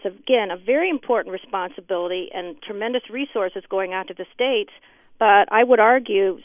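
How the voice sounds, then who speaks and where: A woman guest on a radio panel, speaking confidently and in a measured way. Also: mid-range voice, no echo. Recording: tinny phone line, dry.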